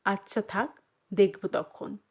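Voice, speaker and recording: A woman playing a sharp-tongued village mother. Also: mid-range voice, animated, unhurried. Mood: softened. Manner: scolding, sarcastic.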